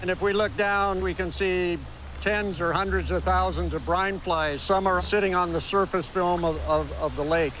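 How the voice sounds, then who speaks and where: A man with a slightly high voice explains things as a scientist out in the field. His talk is unscripted, recorded outdoors with noticeable ambient noise around him. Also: steady tone, normal speed, a bit bright, rough recording. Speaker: scientist interviewee. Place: outdoors on a lake shore.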